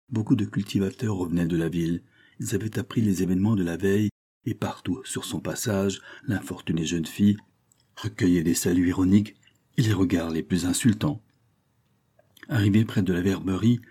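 A man reads a classic novel aloud in a measured, dramatic way. His voice is very low and husky, with a dark, mellow tone. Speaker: audiobook narrator. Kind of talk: scripted narration of a novel.

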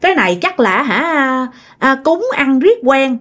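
A woman with a Southern Vietnamese accent narrates a family ghost story. She speaks in a chatty way and addresses her listeners often. Her voice sits fairly high and rises and falls with lively expression. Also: unhurried.

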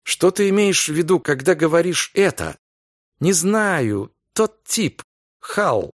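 Anxious young husband, read by a man, soothing and coaxing, lively tone. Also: on the high side, takes it slowly, no echo, clean studio sound, voice pushed up, heavily acted. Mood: worried.

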